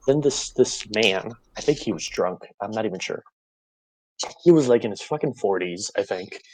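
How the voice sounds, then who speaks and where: A man's voice: on the low side, poor audio. A young man from Puerto Rico chatting on a podcast, telling a story loosely with swearing and laughs. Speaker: podcast co-host. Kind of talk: casual chat.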